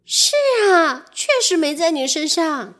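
A woman's voice: sits high, steady tone, measured pace, a bit bright, voice pushed up. A woman voicing a sweet, friendly little bunny in a children's storybook.

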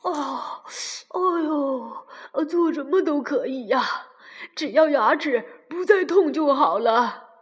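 A woman's voice: high voice, animated, slow. A woman voicing a whimpering fox in pain. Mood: pleading, moaning. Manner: moaning, pleading, groaning in pain. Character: sly adult male fox, pitiful and whining. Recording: long reverb.

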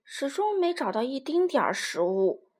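Animated woman telling a children's story. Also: high voice, normal speed. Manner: expressive, animated reading.

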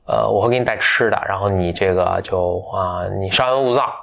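A man playing Thumbelina, soft and hesitant. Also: low voice, a little fast, creaky. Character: tiny sweet fairy-tale girl, Thumbelina.

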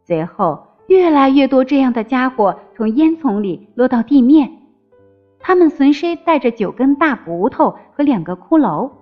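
A woman narrating a fairy tale in an expressive storytelling manner. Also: high voice. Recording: slightly dull with faint music.

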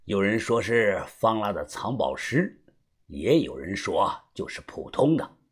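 A man voicing an older, calm, secretive uncle who speaks low, hushed and measured, as an audiobook character. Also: slightly rough, full character voice.

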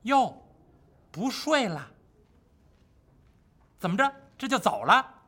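A sly, mocking monkey king, as a male storyteller puts him on, talking. The voice sits high and leaps about, teasing one moment and snapping out sharp shouts the next. It has a bright, slightly husky edge. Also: big pitch swings, takes it slowly, exaggerated voice. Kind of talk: traditional storytelling.

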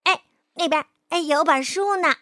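A woman voicing an excitable, chattering toy teddy bear in a storybook. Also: very high voice, moderate pace, no echo, clean studio sound, voice pushed up. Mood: excited.

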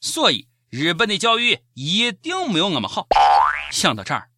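Shaanxi-accented man, high-pitched sarcastic commentator. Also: wildly swooping pitch, moderate pace, pushed and bright, dry recording. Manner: sarcastic, mocking. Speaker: host of a comic news show. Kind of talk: scripted satirical news commentary.

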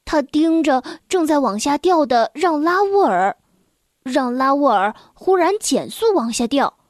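High-voiced woman reading a children's story. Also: lively intonation, a little slow, no room sound, clean studio sound.

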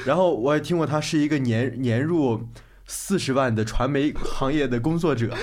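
A man's voice: medium pitch, normal speed. A young man co-hosting a casual podcast chat, telling stories with lots of laughter and acting out the people he quotes. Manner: animated storyteller who laughs often and acts out quoted people. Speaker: podcast co-host.

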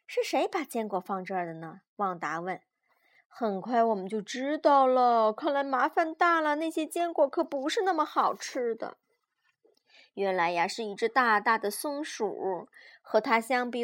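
A young mother reading a picture book aloud to her child at bedtime, patient and animated. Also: on the high side, normal speed. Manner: gentle, patient, animated storyteller.

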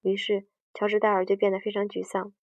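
A woman reads a book aloud in a completely flat, fast, darkish mid-range voice, stumbling often and restarting or correcting herself partway through sentences. There's no room sound; the audio is dry, dull, and distant.

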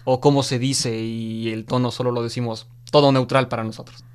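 A man's voice: mid-range voice, brisk, smooth. Man, young adult, from Ecuador, interview guest, casual chatty talk, easy laughter. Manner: relaxed, chatty, laughs easily. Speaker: interview guest, student of Chinese.

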